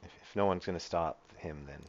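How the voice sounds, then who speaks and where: A man's voice: low voice, brisk, muffled recording, slight background noise. A man narrating as game master of a tabletop role-playing game, loose and full of fillers.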